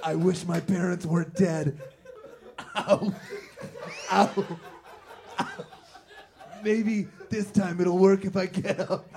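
A man's voice: high-pitched, level tone, slow pace, creaky, pauses often, darkish tone, exaggerated voice. A man playing a whiny, self-pitying superhero in pain, wailing melodramatically in a comedy script reading. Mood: pained whining. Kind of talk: comedy script read-through.

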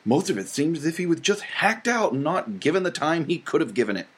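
A prissy, indignant comic fan fires off a complaint letter, as a man reads it aloud in a put-on voice. The delivery is mock-pompous and lifted in pitch. It is pitched as a nerdy voice for laughs. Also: very animated, fairly quick, husky.

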